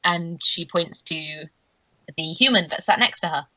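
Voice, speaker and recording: A woman's voice: fairly low pitch, moderate pace, sharp tone. A woman narrating a tabletop game as game master, casual and giggly.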